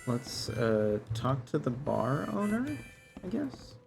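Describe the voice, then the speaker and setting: A male gamer with a gravelly edge, talking slowly as he thinks aloud. His commentary is casual and musing, with faint music behind it. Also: medium pitch, wildly swooping pitch, a little mellow. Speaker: gamer, let's play host.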